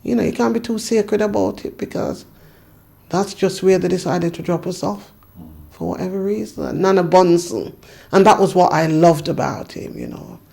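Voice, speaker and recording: Gravelly-voiced woman reminiscing. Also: lowish voice, moderate pace, mellow. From Jamaica. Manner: earnest, thoughtful, frequent restarts and "you know". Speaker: community activist. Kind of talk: reflective interview recollection.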